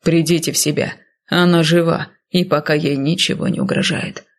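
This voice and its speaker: Woman reading as a calm, dry male healer. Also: deep voice, normal speed. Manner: level, dry, matter-of-fact.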